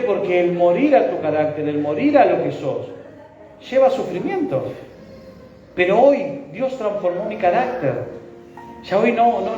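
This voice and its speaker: A man's voice: high-pitched, a little mellow. A man with a Rioplatense Spanish accent, a pastor preaching a sermon and leading his congregation in call-and-response. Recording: echoey hall, dull sound.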